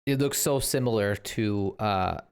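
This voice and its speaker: Male reactor, lowish voice, loose rambling commentary. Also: unhurried, clear, resonant tone. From Ukraine. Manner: rambling, restarts often, thinks aloud. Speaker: reaction video host. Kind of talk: casual commentary.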